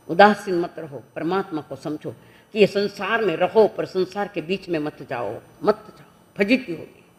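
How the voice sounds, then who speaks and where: Jain nun delivering a lively sermon; woman, vivid storyteller who voices village folk in dialect. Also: medium pitch.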